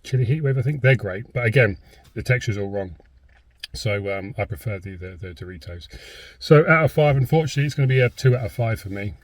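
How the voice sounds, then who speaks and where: A British man with a slightly husky voice gives a casual, rambling food review to camera, hesitating as he goes, recorded inside a car. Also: lowish voice, animated, brisk, slight background noise.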